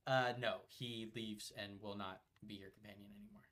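A young man co-hosting a podcast, his voice sitting a bit low. He chats while playing a game and rambles loosely, full of filler words and offhand swearing. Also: steady tone, normal speed, a bit bright. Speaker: podcast co-host. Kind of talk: casual chat while playing a video game.

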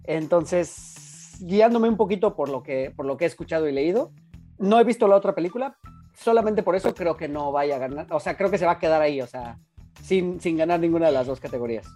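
A woman co-hosting a film chat, giving frank opinions in an expressive way. Her voice is lowish and mellow. Faint music plays underneath. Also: brisk. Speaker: film podcast co-host. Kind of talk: casual film review chat.

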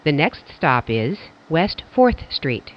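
A woman's voice: deep voice, sing-song, slow. A woman announcing stops in scripted train messages, with names and phrases pieced together from separate recordings. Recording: dull, band-limited recording.

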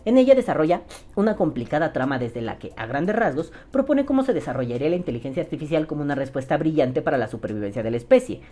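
Low, mellow Mexican woman, slangy host. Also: very animated, fast talker. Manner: profane, slangy, joking. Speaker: podcast host. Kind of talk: casual podcast reading listener comments.

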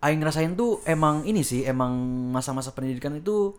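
A man's voice: a little high, animated, brisk. A man with a Bandung Indonesian accent and Sundanese slang, co-hosting a podcast with casual, joking banter and storytelling, often repeating short words of agreement. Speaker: podcast co-host.

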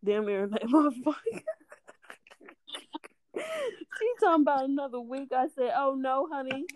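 In a casual chat, a woman with a high-pitched, unhurried voice tells animated stories, cursing, laughing, and acting out what people said. The recording has no echo.

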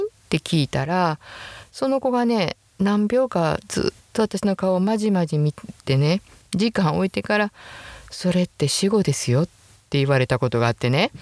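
A woman in her sixties with a Kansai accent hosting a casual solo talk show from her home closet, chatty and quick to laugh at herself. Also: fairly low pitch, darkish tone, dry recording. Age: 60s. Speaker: podcast host.

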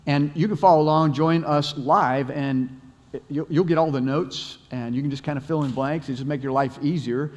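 A man's voice: a little high, normal speed, darkish tone. Conversational male pastor in echoing hall. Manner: conversational, repeats words, storytelling. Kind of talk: sermon. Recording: long hall reverb.

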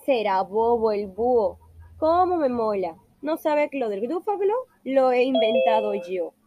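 Una mujer haciendo de ratoncito astuto y fanfarrón. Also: female voice, on the high side, very animated, unhurried, lo-fi sound, noisy background. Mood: sly. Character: small clever boastful mouse.

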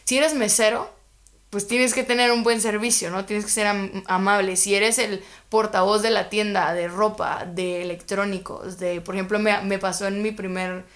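A woman's voice: mid-range voice, fairly even intonation, normal speed, fairly bright tone. Young woman guesting on a podcast, rambly and chatty, lots of filler words. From Guatemala. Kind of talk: casual interview chat.

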